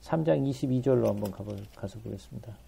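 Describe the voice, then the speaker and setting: Gravelly dark-voiced man preaching. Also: medium pitch, quick pace, slight background noise. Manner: keeps asking listeners rhetorical questions; emotional, pleading delivery. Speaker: Bible teacher. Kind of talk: Bible study sermon.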